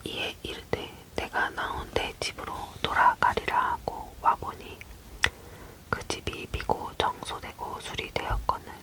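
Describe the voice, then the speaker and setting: Close breathy ASMR whisper, reading scripture. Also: measured pace. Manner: leaning in to whisper, unvoiced throughout. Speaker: Bible reader.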